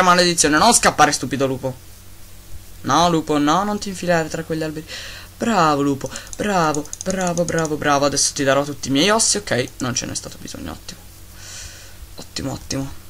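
A man giving casual, excitable gameplay commentary, talking to his pets and grumbling at lag. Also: fairly high pitch, a little fast. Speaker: Minecraft let's-player.

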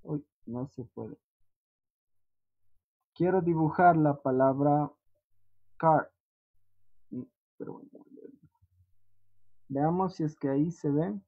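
Through a computer mic with muffled, low-fidelity audio, an English teacher leads a class online in a mid-range voice. The pace is relaxed, broken by pauses to check in with a questioning "¿sí?".

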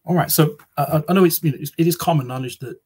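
A man's voice: on the high side, racing, darkish tone, slightly rough, poor audio. A man hosting an interview over a video call, hesitant with many fillers and restarts. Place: small indoor room. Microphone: video call webcam.

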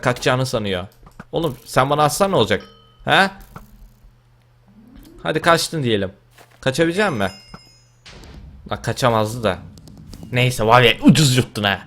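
A man with a Turkish accent giving casual gameplay commentary, joking and boasting, breaking into loud yells at his teammates. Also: mid-range voice, normal speed, pauses often. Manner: excitable, yells and shouts at teammates in bursts. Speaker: gaming YouTuber.

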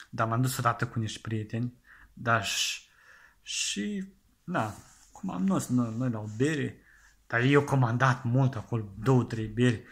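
A man doing a comic monologue as a penny-pincher, talking earnestly in halting, rambling sentences full of restarts. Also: medium pitch, a bit bright. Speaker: comedian playing an extreme penny-pincher. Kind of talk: comedic monologue sketch.

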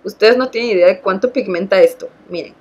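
A young Mexican woman talks through her favorite cheap makeup in a casual vlog. She gushes over each product and stacks her words for emphasis. Her voice sits at an ordinary middle pitch for a woman. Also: quick pace, slightly rough. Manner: enthusiastic, gushing, repeats "muy, muy". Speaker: beauty vlogger.

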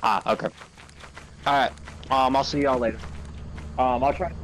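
A man with an ordinary mid-range voice chats with his gaming friends, relaxed and rambling with plenty of ums. Faint noise sits behind him. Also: mid-range voice, normal speed. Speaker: gamer friend. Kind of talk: casual chat. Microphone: no headset mic, picked up by others.

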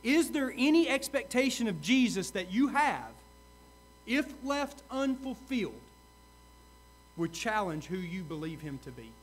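A male pastor preaching a sermon, earnest, repeating key questions and swinging from loud to hushed. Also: very high-pitched, sing-song, a little slow.

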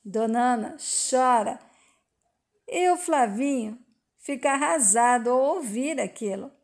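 High-voiced woman narrating a recap. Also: lively intonation, unhurried. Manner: plain storytelling with "e diz" tags. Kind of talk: reading a telenovela recap aloud.

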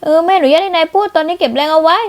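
A woman voicing a young rich heroine who is flustered and caring, speaking high and anxious. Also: racing. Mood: pleading.

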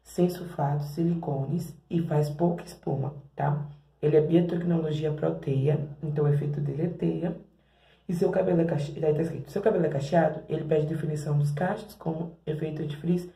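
Brazilian woman chatting thru a hair vlog in her bathroom, dark mellow voice, kinda roomy echo. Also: deep voice, fairly even intonation, fairly quick, gravelly. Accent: Brazilian Portuguese. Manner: chatty, keeps addressing viewers as "gente". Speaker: hair care vlogger. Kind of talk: casual product-testing vlog. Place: home bathroom.

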